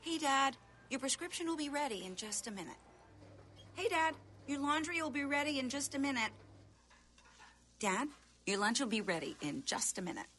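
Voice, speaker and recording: A woman's voice: sits high, sing-song, moderate pace, pauses often, fairly bright tone, slight background noise. An actress playing a busy grown daughter who cares for her father in a radio advert. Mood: attentive, busy. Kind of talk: acted radio advert dialogue.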